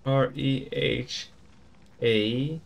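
A man's voice: medium pitch, fairly even intonation, very slow, gravelly. A man giving casual gameplay commentary, thinking aloud in an easygoing way as he explores a game. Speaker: gaming YouTuber.

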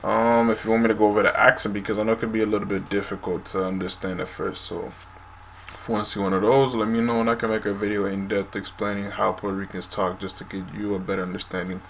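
A man's voice: fairly low pitch, level tone, quick pace, gravelly, a bit bright. A man in his twenties explaining words casually to a camera at home. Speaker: language video host. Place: small room at home, indoors. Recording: noisy room recording.

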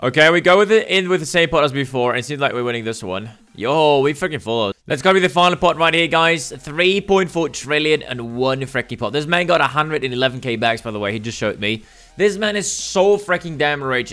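A young man giving excitable, slangy gameplay commentary while gambling in a game, swearing and swinging between hype and groans. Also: a little high, a little fast. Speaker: gaming YouTuber.

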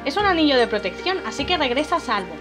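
A woman's voice: high voice, sing-song, fast. A woman reading a kind, caring young male character from a game in an earnest, plain voice, over game music.

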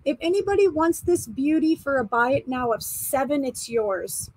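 A woman's voice: high voice, lively intonation, normal speed, darkish tone, low-quality recording. A woman in her forties hosting a live online auction, chatting casually, laughing often and greeting viewers by name as she shows items for sale. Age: 40s. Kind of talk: casual live-stream selling chat.

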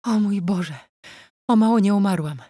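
A woman's voice: mid-range voice, normal speed, dark tone, slightly rough, no echo, studio quality, pitched above the performer's own voice, close to an everyday voice. A woman voicing a frightened elderly noblewoman who speaks in a shaky, breathless voice in an audiobook. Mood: shaken. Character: frightened old woman of the nobility. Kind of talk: audiobook character voice.

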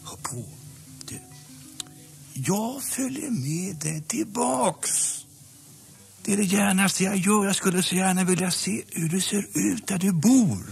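A man's voice: sits high, expressive, soft background music, exaggerated voice. An actor voicing a big jolly easygoing male bear in a dubbed audio drama, talking in a rambling, stammering, chuckling way. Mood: excited. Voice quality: gravelly, rough voice.

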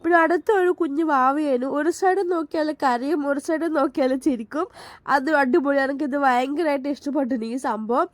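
A woman's voice: sits high, fairly quick, dry recording. A Malayali woman from Kerala narrating her family outing in a chatty, enthusiastic voice-over, with frequent restarts. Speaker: family vlogger.

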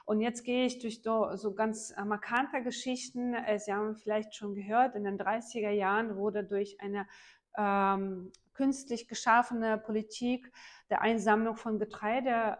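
A woman in her thirties from Ukraine, speaking with a Ukrainian accent and giving a history talk in a small room, hesitant, with many filler sounds and restarts. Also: mid-range voice. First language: Ukrainian and Russian. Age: 30s. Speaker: lecturer. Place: small indoor lecture room. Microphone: far camera.

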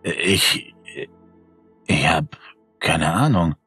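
A man's voice: sits low, animated, extremely slow, pushed and bright, slightly rough, no room sound, soft background music, exaggerated voice. A man voicing a nervous teenage boy who hesitates and stammers. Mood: anxious. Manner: hesitant, stammering, many fillers.

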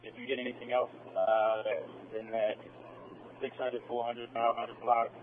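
A man speaks as a police officer on the radio in a monotone of average pitch. The signal is very narrow, with some noise behind it. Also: a little slow. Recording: noisy, phone-thin police radio transmission.

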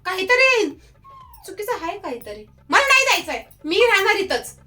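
A woman's voice: extremely high pitch, big pitch swings, normal speed, sharp tone, echoey room, faint music behind. A woman playing a suspicious, stubborn wife in a comic skit. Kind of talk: comic sketch acting.

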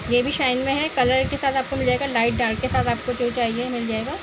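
A woman with a high voice hosts a handheld shopping vlog, chatty and repetitive as she relays product details to her viewers. She records on a phone in a busy mall shop, with loud crowd and machine noise behind her. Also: level tone, a little fast. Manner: chatty, repeats the prices and details back to the camera. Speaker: vlogger and channel host.

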